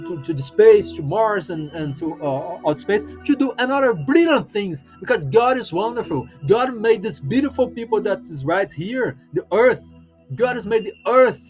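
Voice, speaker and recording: A Brazilian man with a high voice, speaking English with a Brazilian Portuguese accent, chats on a live stream. He rambles and repeats words and leans on fillers. The sound is dull and lo-fi, with faint music behind him. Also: a little mellow. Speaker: livestream host. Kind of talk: casual live-stream chat.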